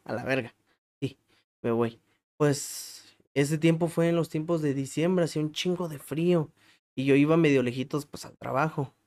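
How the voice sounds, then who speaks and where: A Mexican-accented man hosts a podcast, his voice sitting on the high side with a slightly mellow quality. He tells crude, funny stories about himself in casual slang, laughing at his own jokes in a relaxed comic monologue.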